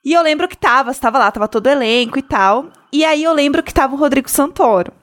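A woman's voice: sits high, expressive, quick pace. A woman hosting a casual podcast, telling an anecdote and asking her guest open, rambling questions. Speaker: podcast host.

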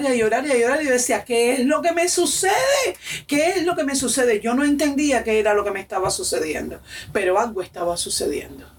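A woman's voice: medium pitch, distant mic. A woman in her forties from Cuba, with a Cuban accent, giving a personal faith testimony in a fervent, emotional way and repeating phrases for emphasis. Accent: Cuban Spanish. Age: 40s. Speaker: church member giving testimony.

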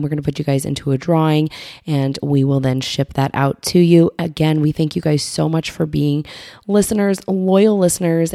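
A woman hosting a podcast in a casual way, with a raspy, hoarse voice that is nearly gone. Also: low voice, mellow, no room sound, clean studio sound. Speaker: podcast host.

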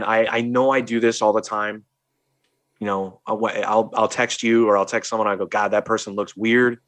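A man's voice: mid-range voice, fairly bright tone. A man co-hosting a podcast, talking casually and rambling with many restarts. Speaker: podcast co-host. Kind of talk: casual chat.

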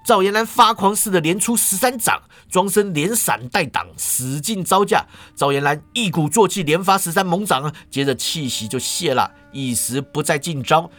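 A man reading a martial-arts novel aloud in an animated storytelling style, stretching phrase endings. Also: a little high, moderate pace, hardly any pauses, soft background music.

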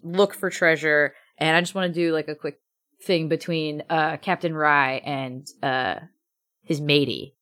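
A woman playing in a tabletop role-playing game, chatting quickly and laughing, now and then slipping into pirate talk. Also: low voice, fairly even intonation, fairly bright tone. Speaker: player. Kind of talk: tabletop role-play banter.

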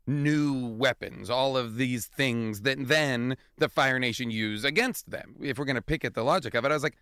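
A man's voice: mid-range voice, moderate pace, fairly bright tone, clear, resonant tone, no echo, studio quality. A man giving casual, analytical commentary in conversation, making his points emphatically. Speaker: podcast panelist.

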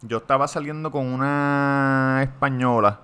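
A man with a Puerto Rican Spanish accent, hosting a podcast and telling a story to friends in a casual, animated way, swearing freely. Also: medium pitch, measured pace, crowd noise. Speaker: podcast host.

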